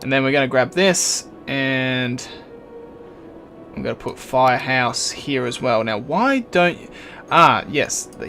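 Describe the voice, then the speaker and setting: A man hosting a gaming video, talking through his moves in a casual let's play commentary while he plays. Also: fairly high pitch. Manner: relaxed, thinking aloud while building. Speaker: gaming channel host.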